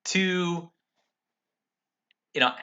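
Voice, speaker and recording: A man hosting an unscripted talk about golf, with halting, reflective phrasing. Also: high-pitched, bright, forceful tone, lo-fi sound. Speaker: host of a golf commentary show.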